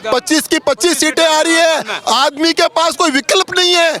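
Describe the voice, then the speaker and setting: A man's voice: extremely high pitch, moderate pace, bright, forceful tone. A man from Jaipur in Rajasthan, answering a street interview in a fervent, emphatic, speech-like way. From Jaipur, Rajasthan, India.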